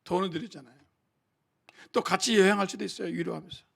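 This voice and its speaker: An older man, a senior pastor, preaching a sermon, animated, swinging from quiet asides to shouting. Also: high voice, fast, vocal fry.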